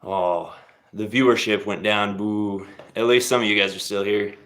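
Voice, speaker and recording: A low-voiced man chats loosely on a live stream while he exercises at home. He wanders between jokes and offhand encouragement for his viewers. The room has a noticeable echo. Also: steady tone, normal speed, a bit bright. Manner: laid-back, rambling, jokey encouragement. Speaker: livestream host leading a workout. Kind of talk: casual live-stream chat. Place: home workout space. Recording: roomy echo.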